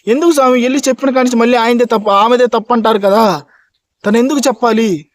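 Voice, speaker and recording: A man delivers a reality-show review at a rapid clip, his voice sitting high. He is emphatic and keeps hammering his points home to the audience. The sound is close and dry. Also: no echo. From India. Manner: emphatic, talks straight to fans, repeats points. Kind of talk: fast opinionated review monologue.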